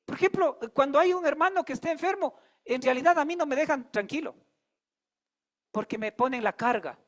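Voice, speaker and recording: A man's voice: very high voice, fairly quick. A man preaching a sermon as pastor, emphatic and calling on the congregation to repeat after him.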